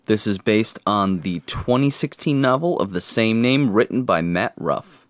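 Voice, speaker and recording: A man's voice: on the low side, moderate pace, dry recording, studio quality. Laid-back man co-hosting a podcast. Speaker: podcast co-host. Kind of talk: casual podcast chat.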